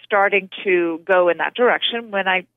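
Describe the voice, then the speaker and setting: A woman's voice: mid-range voice, normal speed, no echo. Woman producer, interview guest, phone call, tinny narrow sound, dry, chatty with restarts. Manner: talkative, with frequent restarts and fillers. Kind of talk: casual interview recollection.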